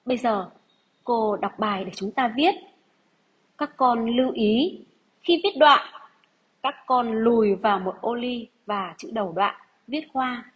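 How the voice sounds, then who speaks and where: A woman primary school teacher giving a dictation lesson to young pupils, deliberate and measured, repeating phrases. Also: a little high, breathy edge, low-quality recording.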